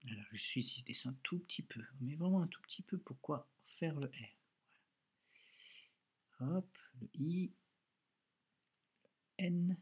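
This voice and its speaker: A man's voice: on the high side, lively intonation, normal speed, long pauses, breathy edge. A male schoolteacher recording a handwriting lesson for a child, patiently talking through each pen stroke aloud with an encouraging manner. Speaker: primary school teacher.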